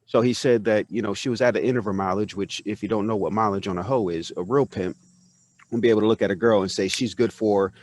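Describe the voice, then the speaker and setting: Podcast host, male, lowish voice, loose rambling storyteller who acts out quotes. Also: fairly even intonation, fast talker, a little mellow. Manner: rambling retelling full of "you know" fillers. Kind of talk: casual storytelling chat. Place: home, neighbor mowing outside.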